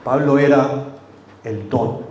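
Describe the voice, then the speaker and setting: A man preaching a sermon in a church, speaking earnestly to the congregation and dropping to a hush for quoted lines. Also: medium pitch, takes it slowly. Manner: earnest, addressing the congregation directly; dramatic drops to a hushed voice for quotes. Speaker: pastor. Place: church sanctuary. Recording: echoey church room.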